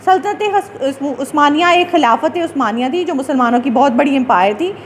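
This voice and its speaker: High-voiced woman teacher. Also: lively intonation, slight background noise. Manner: explains English words slowly, with many fillers and restarts. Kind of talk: classroom lecture explaining a text.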